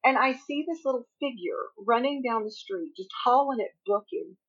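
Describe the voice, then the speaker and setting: In lo-fi audio, a woman writer from Appalachia, speaking with a Southern accent in a slightly high, husky voice at normal speed, chats casually as a guest. She tells stories with lots of laughter and frequent restarts.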